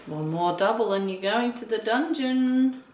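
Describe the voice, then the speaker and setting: Speaking a bit high, with lively intonation, a measured pace, and a darkish tone, a woman guides her partner through a board game like an instructor. She counts aloud and explains each move. The game is on a table indoors, and the distant mic picks up room sound and noise.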